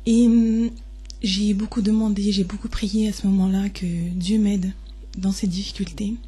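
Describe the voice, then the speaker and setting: A woman in her twenties giving a personal testimony, hesitant and deeply moved, often pausing and restarting. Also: little pitch movement, mellow, slightly rough, soft background music. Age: 20s.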